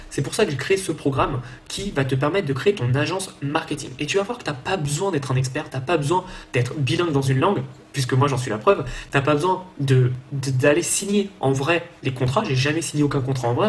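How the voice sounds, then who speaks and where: A young man from France talks quickly in a fairly high voice, pitching his online business program in a casual, chatty way. He speaks straight to the viewer and pokes fun at himself now and then. Faint ambient noise sits under the recording. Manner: fast, chatty and self-mocking, addressing the viewer directly. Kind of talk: casual sales pitch to camera.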